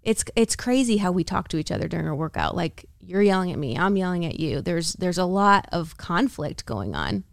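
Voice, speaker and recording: An American woman co-hosting a podcast, telling a story in an animated, casual way with frequent laughter and acted-out quotes. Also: on the low side, fairly quick, vocal fry, hardly any pauses, no room sound, clean studio sound. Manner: animated, laughs often, acts out quoted dialogue. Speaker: podcast co-host.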